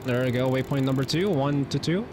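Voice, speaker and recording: A man's voice: medium pitch, fairly quick. A man giving casual step-by-step cockpit commentary and radio calls as a flight simulator pilot. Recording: loud vehicle-like engine noise.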